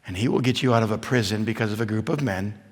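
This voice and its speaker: A man preaching at a men's event, telling stories and building from quiet to loud, emphatic points. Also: on the low side, fast. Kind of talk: sermon. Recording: long hall reverb.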